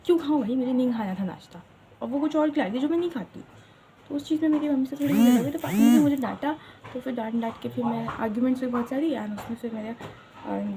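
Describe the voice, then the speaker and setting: A young woman from Uttarakhand talks to her channel in an easy, chatty vlog. Her voice sits a little high, and she mixes Hindi and English with playful, dramatic asides. Faint household ambience hums behind her. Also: noisy background. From Uttarakhand, India. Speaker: vlogger.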